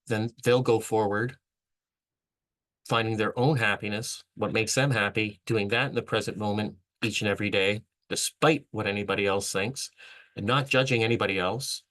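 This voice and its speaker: A man's voice: on the low side, fairly bright tone, poor audio. A man hosting a vlog, delivering an earnest, rambling motivational monologue with frequent restarts. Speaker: vlog host.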